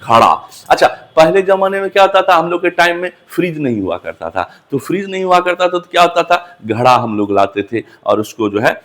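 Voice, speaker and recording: A man's voice: on the high side, very animated, a little fast, few pauses, a bit bright. A middle-aged man from Bihar with a Bihari accent, teaching an English lesson and answering his own questions. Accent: Bihari Hindi. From Bihar, India. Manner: repeats questions back to students and answers them himself. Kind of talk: classroom lecture.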